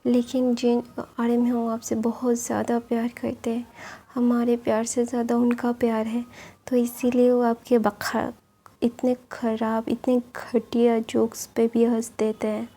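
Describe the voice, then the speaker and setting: A woman with a sore throat reading the lines of a blunt, teasing young male student in her own slow, strained voice. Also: a little high, monotone, dark tone. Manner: slow, strained storytelling read.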